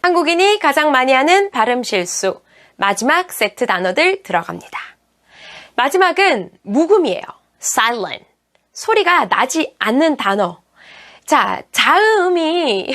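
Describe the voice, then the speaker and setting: A Korean woman teaching English pronunciation, asking learners questions and saying each English word slowly twice. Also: high-pitched, fairly bright tone. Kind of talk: online pronunciation lesson.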